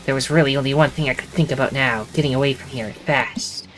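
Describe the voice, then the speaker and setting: Talking fast in a mid-range, slightly bright voice, a streamer narrates a visual novel as "I" and keeps stopping to joke and laugh. The audio is poor.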